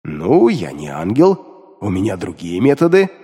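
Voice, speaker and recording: A man voicing a contemptuous male demon who speaks inside the hero's head, slow, grumbling and scornful. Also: sits low, wildly swooping pitch, warm tone, slightly rough, voice pushed down, exaggerated voice. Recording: long reverb.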